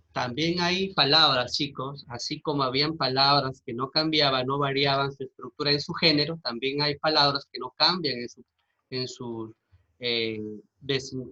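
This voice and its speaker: A man's voice: mid-range voice, bright, forceful tone, highs cut off. A male teacher giving a grammar lesson, explaining step by step and often checking with his students. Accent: Peruvian Spanish.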